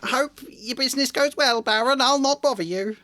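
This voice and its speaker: A high, wheedling male poltergeist, sly and greasy, sliding up into a squeak. The voice sits far above a normal man's, with a sneering, fawning edge. It is recorded dry and close. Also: moderate pace, pushed and bright, dry recording.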